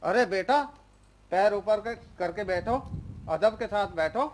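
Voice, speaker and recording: A man's voice: high voice, unhurried, soft background music. A man playing a stern, fussy father-in-law who scolds and insists on manners, in a comedy film.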